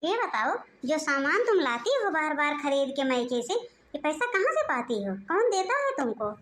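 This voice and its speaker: A woman's voice: high-pitched, very animated, normal speed, a bit bright. A woman voicing a short-tempered, suspicious young husband and son-in-law in a cartoon, talking in a curt, scolding way. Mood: angry.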